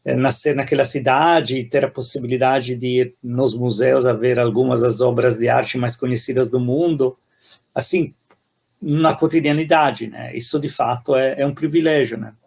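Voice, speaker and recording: A man from Italy with an Italian accent, a philosophy professor explaining ideas thoughtfully in an interview, often pausing and adding "né?". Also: mid-range voice, steady tone, gravelly, a little mellow. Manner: thoughtful, many pauses and "né?" tags.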